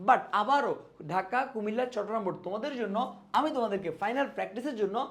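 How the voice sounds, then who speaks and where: A man's voice: high voice, racing, a bit bright. A young man teaching a casual exam-prep lesson, chatty, speaking straight to his students and mixing in English words.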